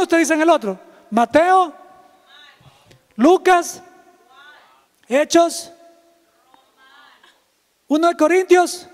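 A male pastor preaches a livestreamed sermon with an extremely high voice and a long reverb tail. He's lively and teasing, calling out to viewers in the chat.

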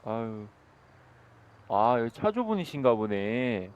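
A man's voice: mid-range voice, big pitch swings, slow, clean tone, muffled recording. Chatty, sarcastic man doing game role-play. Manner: chatty, sarcastic, bursts into loud shouting.

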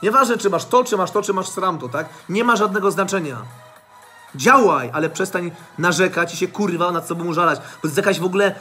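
A man's voice: high voice, quick pace, few pauses, pushed and bright, faint music behind. A man giving a blunt motivational monologue to his channel, swearing freely and repeating his points over and over. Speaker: motivational vlogger.

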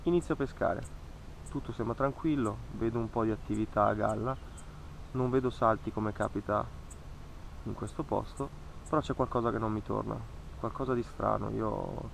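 In a low-quality recording with a bit of hiss or hum, a man in his thirties voices his fishing vlog at medium pitch with a creaky quality. Outdoors by a tree-lined lake, his reflective narration sounds earnest and cautionary, repeating words to drive points home.

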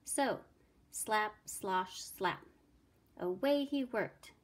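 Slow, expressive woman reading a storybook. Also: medium pitch. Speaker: teacher reading aloud. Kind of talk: storybook read-aloud.

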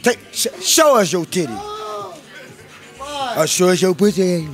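A man, loud and profane, taunting in a sing-song way during a street interview. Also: sits high, big pitch swings, slow, music in the background. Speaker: passerby being interviewed.

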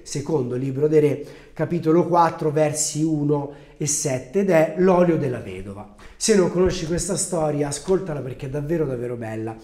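A man hosting a livestream, talking earnestly and slowing down to stress his points. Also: on the high side, warm tone. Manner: earnest, storytelling, slows down for emphasis. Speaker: host of a promotional livestream. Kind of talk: casual livestream talk with a Bible reading. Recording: roomy echo.

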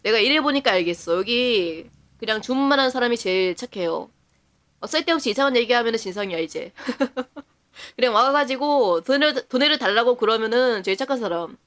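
Chatty woman streamer, slightly high voice. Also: expressive, fairly bright tone. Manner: chatty, laughs often, talks to herself while playing; reacts to the game with quick surprised remarks. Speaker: game streamer. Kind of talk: live game commentary.

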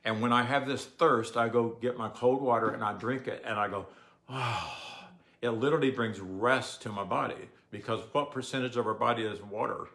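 An older man giving a relaxed, conversational sermon, often asking the audience questions. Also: medium pitch, moderate pace. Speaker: pastor. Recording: echoey room.

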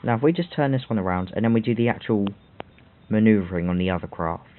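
A man's voice: lowish voice, animated, fast talker. A man giving rambling game walkthrough commentary with self-mocking asides. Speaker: game tutorial host. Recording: tinny phone-like audio.

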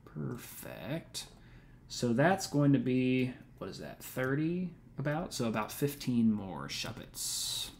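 A man's voice: medium pitch, very animated, slow, vocal fry, a little mellow, slight background noise. Laid-back rambling male game streamer. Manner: rambling, laid-back, frequent "um" and slang like "dude" and "man". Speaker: let's play streamer. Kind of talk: casual gameplay commentary.

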